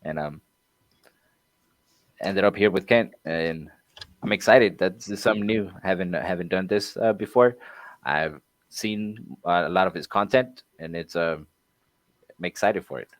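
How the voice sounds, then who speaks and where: A man with a very deep voice talks in a soft, hesitant way. The sound is dry, with no room around it. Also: measured pace, long pauses, dry recording. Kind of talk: casual chat.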